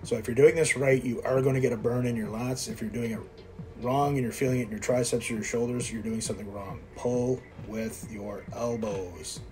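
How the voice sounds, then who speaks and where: A Quebec man in his fifties, a fitness vlogger, chats casually while working out in an indoor gym and coaches viewers in a blunt, self-mocking way. His mid-range, mellow voice runs a little fast with fairly even intonation. Soft background music plays, and the recording quality is low.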